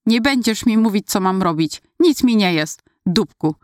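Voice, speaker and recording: A woman's voice: medium pitch, expressive, normal speed, a little mellow, no echo, studio quality, lightly acted. A woman reading aloud voices a confused little girl who snaps rudely at her brother. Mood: snarling. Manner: snapping, rude.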